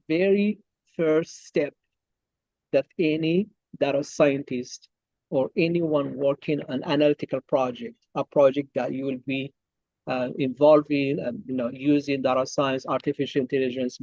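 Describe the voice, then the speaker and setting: Casting: male guest speaker from Morocco, mellow dark voice, halting with fillers, dry muffled call audio. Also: medium pitch, no echo. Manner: halting, many fillers and restarts. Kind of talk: webinar presentation. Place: coffee shop. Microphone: online call.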